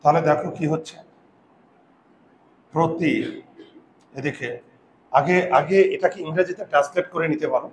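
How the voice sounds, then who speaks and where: Echoey teacher explaining. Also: male voice, on the high side, slight background noise. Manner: repeats rules, quizzes students with "বোঝা গেল?"; patient, drawn-out pronunciation of example words. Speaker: Bengali grammar teacher. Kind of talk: classroom lesson.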